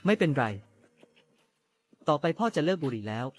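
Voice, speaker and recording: A man dubbing a devoted, struggling young father in a drama series, speaking in a gentle, reassuring way. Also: a little high, very animated, moderate pace, husky. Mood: tender.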